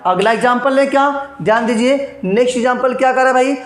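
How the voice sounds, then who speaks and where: Man teaching grammar in an echoey room. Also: extremely high pitch. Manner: asks himself rhetorical questions and answers them, repeats "understand"; drawls out words slowly to show their sounds. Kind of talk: online Hindi-medium grammar lesson.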